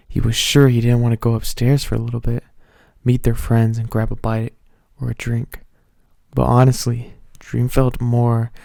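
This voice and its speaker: A man's voice: mid-range voice, gravelly, a little mellow, no room sound, studio quality. A man giving an amateur dramatic reading of fan fiction, with amused asides. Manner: breaks character with amused asides.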